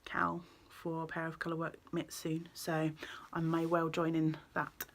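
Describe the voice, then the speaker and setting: A woman, chatting casually about her knitting in a vlog, rambling along with many ums and quick self-corrections. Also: low voice, monotone. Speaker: knitting vlogger and yarn shop owner.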